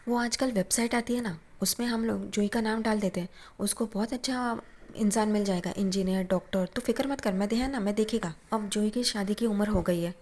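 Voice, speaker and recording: A woman's voice: mid-range voice, brisk, a little mellow. A woman recapping a TV serial episode, reading out every character's lines in her own plain voice. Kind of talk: recap narration with quoted dialogue.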